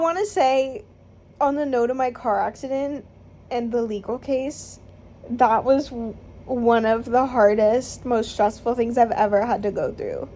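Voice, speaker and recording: A woman in her twenties, a musician talking slowly and thoughtfully in a personal vlog, often pausing and restarting her sentences. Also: fairly high pitch. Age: 20s. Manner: slow, thoughtful, hesitant with restarts. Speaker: musician vlogger. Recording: slightly distant mic, faint background noise.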